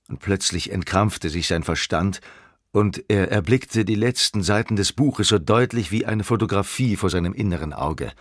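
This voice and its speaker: A man narrating a dark short story in a measured, dramatic storytelling manner. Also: on the low side, dry recording, clean studio sound. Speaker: audiobook narrator.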